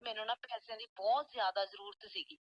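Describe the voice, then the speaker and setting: A woman's voice: fairly high pitch, fast, dry recording, muffled recording. A woman acting a daughter pleadingly asking her mother for money on the phone. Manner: pleading, urgent. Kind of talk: family drama acting.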